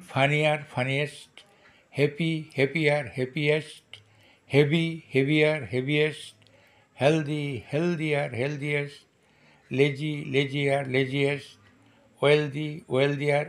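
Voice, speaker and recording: A man's voice: on the high side, flat delivery, normal speed. A man with a Bengali accent teaching English grammar, reading each rule twice and then listing word forms one by one. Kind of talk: slow dictation-style grammar lesson.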